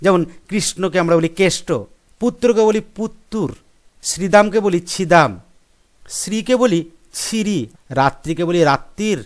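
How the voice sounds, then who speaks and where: A man's voice: high-pitched, normal speed. A man teaching a school grammar lesson, explaining step by step and listing examples one by one. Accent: Bengali. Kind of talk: classroom lesson.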